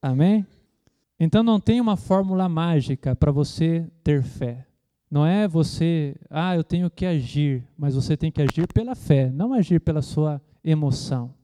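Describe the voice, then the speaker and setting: A man's voice: on the high side, lively intonation, normal speed. A man preaching a sermon, often asking the congregation rhetorical questions and calling for amens. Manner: preaching with frequent rhetorical questions and calls of amen; acts out loud shouting prayers as a mock imitation. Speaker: pastor.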